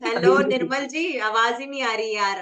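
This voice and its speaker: A woman's voice: on the high side, normal speed, over a noisy crowd. A woman fitness instructor teaching a live online class over a video call, often checking in with the group and cheerfully urging participants to laugh along. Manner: coaxing, checks in with "right?".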